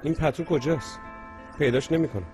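An actor dubbing an apologetic young husband into Persian, speaking in an apologetic, defensive way. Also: male voice, a little high, a little mellow, soft background music, lightly acted. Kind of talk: Persian dub of a Turkish drama.

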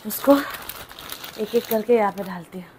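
A woman's voice: medium pitch, fairly even intonation, moderate pace, background noise. A young woman vlogging casually from her small room at home, chatting to viewers and mixing English words into her speech. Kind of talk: casual vlog chat.

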